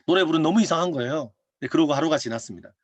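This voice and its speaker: Fast-talking, lively male pastor. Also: fairly high pitch, dry recording. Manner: animated storytelling with laughs and acted-out quotes. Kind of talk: sermon told as a personal testimony. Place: online prayer meeting over video call.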